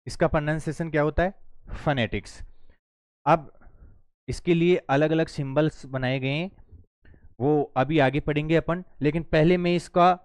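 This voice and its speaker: A man teaching an online English lesson in Hindi, explaining step by step and repeating words slowly while he writes. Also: fairly high pitch, steady tone, clean tone, no room sound.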